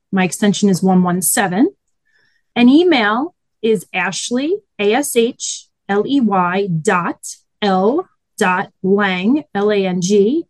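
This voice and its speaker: A woman gives an interview answer at a slow, measured pace. Her voice sits a little high, and the sound is dry and close. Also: no echo, rough recording. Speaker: podcast guest, financial advisor.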